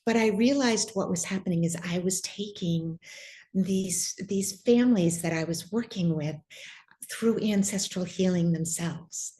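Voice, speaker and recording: A woman sharing a personal spiritual awakening story, reflective and halting, with frequent restarts. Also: medium pitch, mellow. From Irish heritage. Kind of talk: personal testimony.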